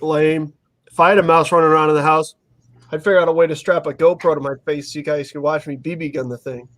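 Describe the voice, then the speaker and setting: A man's voice: fairly high pitch, fairly even intonation, quick pace, fairly bright tone. Teasing, foul-mouthed man in his thirties. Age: 30s. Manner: teasing and profane. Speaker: tabletop gaming group member. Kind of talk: casual chat.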